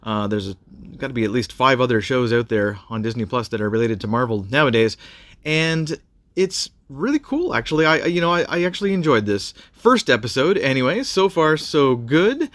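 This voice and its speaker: A man's voice: medium pitch, expressive, moderate pace, fairly bright tone, dry recording. A man giving a casual spoken review of a TV episode, rambling with many fillers and restarts.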